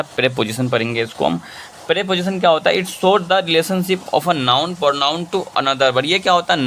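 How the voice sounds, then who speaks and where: Forceful and bright, this man's voice sits on the high side as he runs a classroom-style English grammar lesson, explaining in Hindi, reading English examples in an Indian accent, and answering his own questions. There is a little hiss or hum in the audio.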